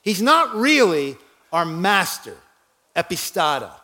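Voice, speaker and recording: Bright high-voiced man preaching. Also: very animated, slow pace. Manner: preaching with dramatic swings in volume and pitch, shouting the cries. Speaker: pastor. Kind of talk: sermon.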